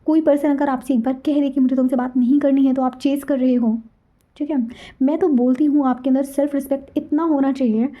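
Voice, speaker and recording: A woman's voice: high voice, fairly even intonation, brisk, dark tone. A woman hosting a spiritual channel, telling a personal story and giving advice in a chatty way. She keeps checking in with the listener and mixes English words into her speech. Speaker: twin flame spiritual channel host. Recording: dull, lo-fi recording.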